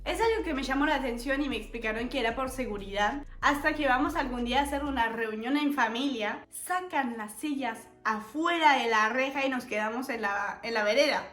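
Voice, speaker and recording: A woman's voice: high-pitched, a little fast, hardly any pauses, a bit bright. A French woman in her twenties, a native French speaker, chatting casually to camera in a playful, giggly way as a vlogger. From France. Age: 20s. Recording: echoey room with faint music.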